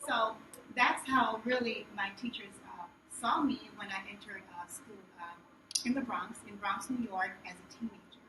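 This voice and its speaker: A woman born in Jamaica and raised in New York gives an earnest research presentation to a room, with frequent ums and soft, trailing phrase endings. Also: mid-range voice, normal speed. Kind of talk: conference presentation. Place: conference room. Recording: echoey room, distant mic, background noise.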